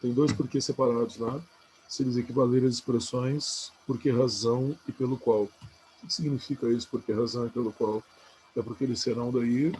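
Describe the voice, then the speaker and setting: A man's voice: mid-range voice, darkish tone, a little hiss or hum, poor audio. A man giving a casual spelling review lesson, chatty and coaxing, often checking in with the listener. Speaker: Portuguese teacher.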